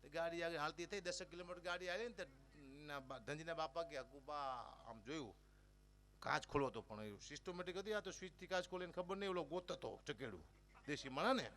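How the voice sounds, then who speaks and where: Male comic folk storyteller, animated delivery with a very expressive pitch. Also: quick pace. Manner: animated, acts out characters.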